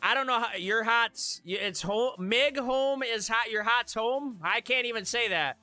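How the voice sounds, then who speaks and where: Chatty streamer guy, high-pitched, close dry mic. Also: unhurried, pushed and bright, dry recording, faint music behind. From Michigan. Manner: chatty, laughs at his own jokes. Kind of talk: live stream chat with viewers.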